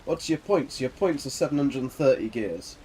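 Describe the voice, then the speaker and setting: Relaxed live gameplay commentary comes from a man with a soft, medium-pitched voice who is animated and talks at a normal speed. He addresses viewers and mutters to himself, and the poor audio carries slight background noise.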